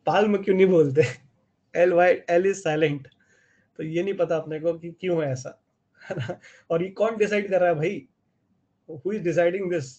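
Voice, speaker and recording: His voice sits high and dark as this Indian-accented man teaches geometry in a live online lecture. He speaks at a measured pace with frequent pauses, working through each step and checking on his students over dull audio.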